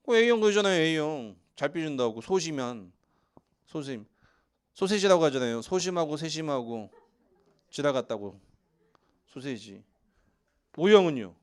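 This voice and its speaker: A man's voice: on the high side, measured pace, long pauses, clear, resonant tone. A male pastor from Seoul preaching a sermon in a church and joking with the congregation. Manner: joking with the congregation, lively asides. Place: church sanctuary.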